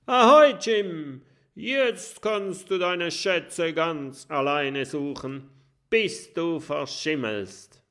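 A gruff, scheming pirate captain from a children's storybook bellows his orders, as a man puts him on. The voice sits higher and louder than the reader's own, with wide, lively swings in pitch. He sounds domineering and cocky. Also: takes it slowly, exaggerated voice. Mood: gloating. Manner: bellowing commands.

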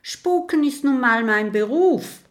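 A woman doing a stammering little ghost, squeaky and loud. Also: lively intonation, a little slow. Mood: flustered sheepish. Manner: stammering, forgetful of names. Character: shy clumsy little male ghost.

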